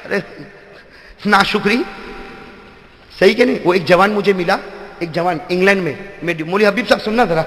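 A man preaching a sermon, shouting points and questioning the crowd. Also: high-pitched, pauses often. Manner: shouting emphatic, quizzes the crowd. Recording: long hall reverb.

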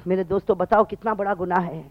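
High-voiced impassioned male preacher. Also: steady tone, no room sound, lo-fi sound. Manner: impassioned, swinging between loud high cries and low hushed asides; keeps questioning the audience directly. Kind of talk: emotional sermon.

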